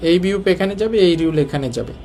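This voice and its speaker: A man's voice: sits high, animated, fast, warm tone, faint music behind. A man with a colloquial Dhaka Bengali accent teaching a Korean lesson, explaining step by step and asking the class rhetorical questions. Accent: Bangladeshi Bengali, colloquial Dhaka speech.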